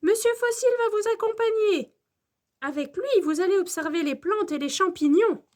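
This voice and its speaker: Fussy dino schoolteacher, high and loud, scolds a lot, played by a woman reader. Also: expressive, normal speed. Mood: bossy. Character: strict but caring female dinosaur schoolteacher. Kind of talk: children's storybook reading.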